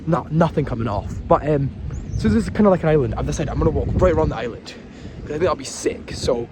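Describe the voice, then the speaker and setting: Lively intonation and a quick pace mark this young Scotsman's rather high voice. As a travel vlogger he casually narrates his day trip, rambling and occasionally swearing, while outdoors in a windy coastal town and city streets, recorded on a noisy phone.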